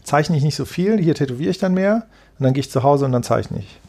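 Gravelly man in his forties chatting. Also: a little high, animated, fast talker, dark tone. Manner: laid-back, rambling, tags sentences with "ne?" and swears casually. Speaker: tattoo artist guest. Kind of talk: casual interview chat. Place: his tattoo shop.

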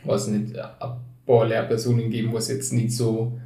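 On this podcast, the guest is a man in his twenties, born in Turkey and raised in Tyrol, whose Tyrolean accent colors a casual chat. His warm, low-leaning voice stays monotone at a moderate pace, and he pauses to think, hesitating and filling gaps often. Room echo is noticeable, and he's a bit far from the microphone.

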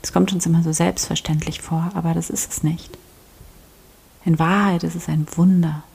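Woman doing a guided prayer, soft half-whisper, low and dark, pretty flat. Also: moderate pace, vocal fry, husky. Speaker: prayer leader.

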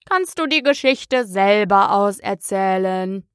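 Storybook: hoarse, weak old dormouse, very slow and drowsy, touchy, read by a woman. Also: mid-range voice, animated, dry recording, clean studio sound. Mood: drowsy grumbling. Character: sleepy old male dormouse, grumpy.

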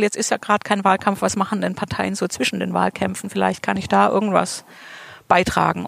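Out in a garden allotment, a southern German woman of middle age, a state politician, gives a relaxed, chatty interview. She speaks at medium pitch with a gravelly quality and no echo, restarting sentences, using lots of fillers, and laughing readily.

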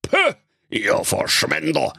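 A cranky old miser snaps and grumbles in a raised, gravelly, raspy voice, as a man puts him on. He sounds close and dry, like a comic storybook reading. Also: very high-pitched, sing-song, unhurried, pushed and bright, dry recording, voice pushed up, full character voice. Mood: grumpy. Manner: grumbling, cursing, snappish. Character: grumpy stingy old male junkyard owner.

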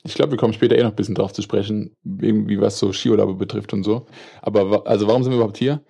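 A man's voice: on the low side, fairly even intonation, very fast, creaky, warm tone, slightly rough. A man co-hosting a podcast in casual, joking banter full of slang. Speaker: podcast co-host. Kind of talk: casual chat.

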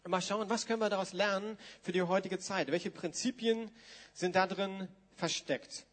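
A man's voice: high voice, fairly even intonation, normal speed, a bit bright. A man, preaching informally to a congregation and reading scripture aloud in a church hall. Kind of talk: sermon with Bible reading. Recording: long hall reverb.

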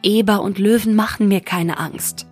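A woman's voice: mid-range voice, fairly even intonation, normal speed, soft background music, natural voice. A woman voicing a brave, determined youngest daughter in a fairy tale, speaking earnestly and boldly. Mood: pleading. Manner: earnest, bold.

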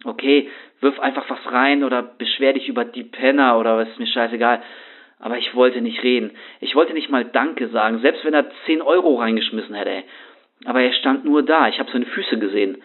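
A man's voice: mid-range voice, a little fast, natural voice. A man playing a rattled young homeless man who rambles anxiously in street slang, as a first-person horror story monologue. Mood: shaken. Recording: tinny phone-like sound.

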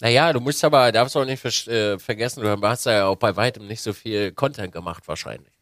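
A man's voice: fairly low pitch, fairly quick, fairly bright tone, dry recording. A man, co-hosting a podcast, making dry, teasing remarks. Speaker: podcast co-host. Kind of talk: casual chat.

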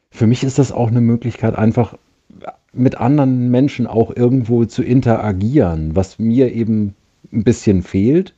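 Guy calling in to a live show, phone line sounds dull and lo-fi, kinda low voice, hesitant. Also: mellow. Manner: hesitant, searching for words. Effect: call-in voice over a phone line. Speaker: caller. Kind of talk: call-in chat on a live show.

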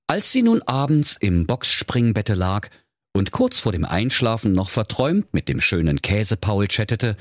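A man's voice: fairly low pitch, sing-song, moderate pace, dry recording, studio quality. A man narrating a comic fairy tale in a mock-solemn storytelling manner.

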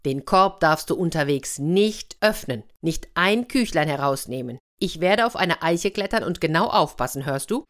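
A woman voicing a clever, plucky little peasant girl in a storybook reading, bright and insistent. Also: sits low, expressive, normal speed, few pauses. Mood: pleading.

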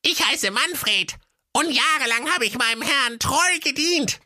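A man's voice: animated, a little slow, sharp tone, dry recording, clean studio sound, heavily acted. A man voicing a snarky, half-plucked male parrot in a comic audio fairy tale. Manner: snarky, shrill.

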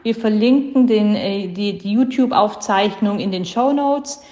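Woman doing a quick upbeat news update over a low-quality voice message, roomy echo, mid pitch. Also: warm tone, dull audio. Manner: brisk, upbeat, lightly correcting herself. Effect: low-quality voice message recording. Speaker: podcast co-host. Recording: echoey voice message recording.

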